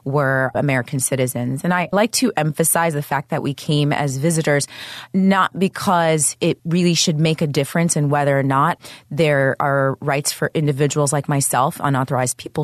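Low-voiced woman telling her story. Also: dry recording, clean studio sound. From Zambia. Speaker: interview guest, author and speaker. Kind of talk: personal storytelling in an interview.

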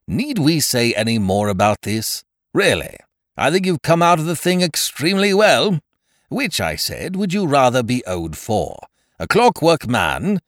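A man's voice: medium pitch, dry recording, clean studio sound, pitched above the performer's own voice. A man voicing an aggrieved, blustering young male scrounger who talks querulously and with heavy emphasis.

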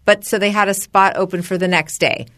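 A woman's voice: mid-range voice, steady tone, brisk, fairly bright tone. A middle-aged woman co-hosting a podcast, telling personal stories in casual chat. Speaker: podcast co-host.

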